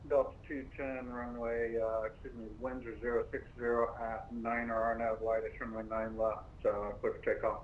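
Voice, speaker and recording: A man working as an air traffic controller over a tinny radio link, giving clipped instructions with filler pauses. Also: medium pitch, level tone. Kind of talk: radio phraseology.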